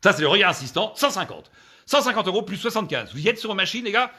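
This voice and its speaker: A man doing a solo stand-up show at home, animated and exaggerated, piling up repeated words. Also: high-pitched, fast talker. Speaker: comedian.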